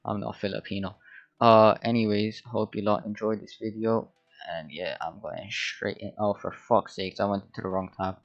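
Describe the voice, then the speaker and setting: Swearing, low-voiced man hosting a reaction video. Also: steady tone, normal speed, creaky, muffled recording. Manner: loose, swears a lot, mutters to himself. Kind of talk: casual reaction commentary. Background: music from the video being played.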